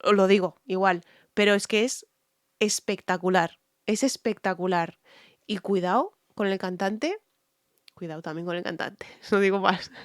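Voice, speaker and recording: A woman from talks through a music video as a singer, enthusiastic and quick to repeat herself for emphasis. Her voice sits at a middle pitch. The sound is close and dry, with no room around it. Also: dry recording. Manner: hums and sings short phrases along with the song. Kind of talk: casual reaction commentary on a singer's technique.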